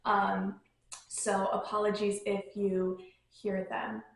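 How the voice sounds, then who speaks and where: A woman's voice: mid-range voice, monotone, takes it slowly. A young woman hosting a podcast, chatting in a rambling way full of filler words, recorded at home on a phone. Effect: recorded on a phone, echoey. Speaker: podcast host. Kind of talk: casual travel chat. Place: at home near her dogs.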